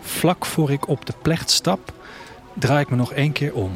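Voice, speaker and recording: Playing a wistful, restless traveller who is leaving his future city, a man narrates an audio drama in a reflective, literary first-person voice. He sounds natural, on the high side, at a moderate pace, with music in the studio background.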